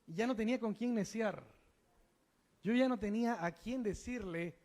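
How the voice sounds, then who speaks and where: A man preaching a sermon, putting questions to the congregation and moving between hushed asides and raised, emphatic bursts. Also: high voice, moderate pace. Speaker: pastor.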